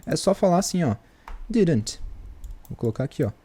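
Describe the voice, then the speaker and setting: A man's voice: a little high, animated, rapid-fire, dark tone, slightly rough. A man with a Brazilian Portuguese accent, teaching an English grammar lesson in a chatty way and asking rhetorical questions. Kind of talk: casual video lesson.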